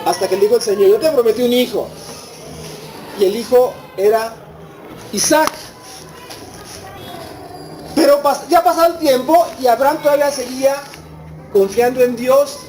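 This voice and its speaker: A man's voice: very high-pitched, darkish tone, low-quality recording. A man with a Mexican Spanish accent preaching a sermon to a congregation. He retells scripture as a story and puts rhetorical questions to his listeners.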